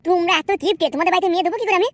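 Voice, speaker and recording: A woman's voice: extremely high pitch, rapid-fire. A woman voicing a scheming young man who poses as a matchmaker in a comic cartoon, chatty and teasing.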